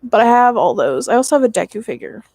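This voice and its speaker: A woman's voice: a little high, sing-song, fast talker, darkish tone, no room sound. A tired young woman chatting casually with her stream viewers, rambling with many likes and ums. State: tired, yawning. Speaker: livestream host.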